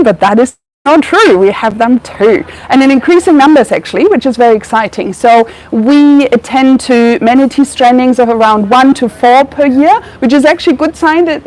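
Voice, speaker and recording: This is a research veterinarian from Germany, young and female, whose German accent carries some Australian coloring. Her voice is a little high and darkish, and the recording quality is low. She talks to the public in a chatty way, often saying um, correcting herself and starting sentences over.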